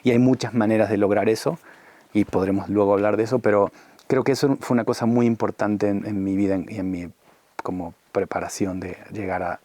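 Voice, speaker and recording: A man's voice: fairly low pitch, fairly even intonation, fairly quick, warm tone, no room sound. Rambling, talkative Argentine-born man. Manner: talkative, rambling with many restarts, casual slang. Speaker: interview guest, musician. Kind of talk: conversational interview.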